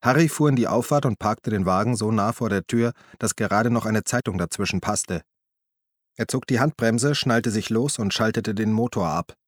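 A male narrator reading a thriller aloud in a steady, measured way. His voice is low and recorded close on a studio mic, completely dry with no room sound. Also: no echo. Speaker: audiobook narrator. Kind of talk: scripted narration.

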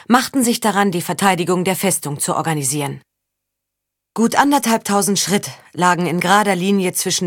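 A woman narrating a novel as an audiobook in a measured storytelling manner. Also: medium pitch, no echo, clean studio sound. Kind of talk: scripted narration.

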